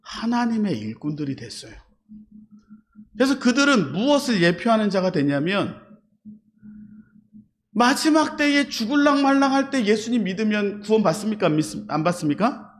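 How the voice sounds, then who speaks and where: A pastor delivers a Sunday sermon in a church sanctuary with a notably high-pitched male voice. He keeps asking his listeners questions and answering them himself, and he slips into the voices of the people he quotes. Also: very animated, moderate pace. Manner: preaching with call-and-response questions and dramatized quotes.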